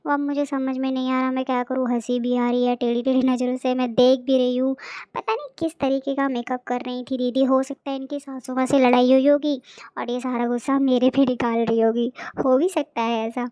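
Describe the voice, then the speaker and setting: Brief: young woman vlogger, mocking running commentary, high even voice, dry close sound. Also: brisk, clean tone, dry recording. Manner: sarcastic, exasperated storytelling. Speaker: beauty vlogger. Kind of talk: comic voice-over commentary.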